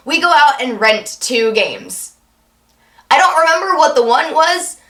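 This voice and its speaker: Young woman, bright, slightly high voice, tired strained throat, casual rambling vlog chat. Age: young adult. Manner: rambling, self-deprecating, quick asides. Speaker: vlogger.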